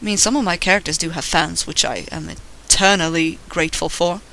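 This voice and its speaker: Casting: artist with a thin, squeaky, bright voice, rambling casually through a drawing tutorial. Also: a little fast, gravelly, a little hiss or hum, low-quality recording. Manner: informal, rambling, self-deprecating, mild swearing. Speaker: artist narrating drawing process.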